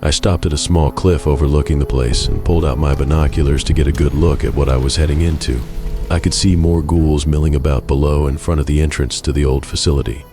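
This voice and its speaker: A man narrating a game playthrough as a first-person story in a measured, even way. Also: a bass voice, music in the background.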